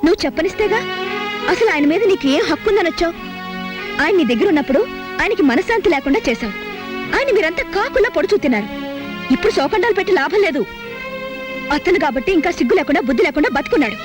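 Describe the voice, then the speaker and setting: An actress playing a sharp-tongued young unmarried woman who scolds bluntly in a film scene. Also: extremely high pitch, expressive, quick pace, long pauses. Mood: scolding. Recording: film soundtrack with loud music.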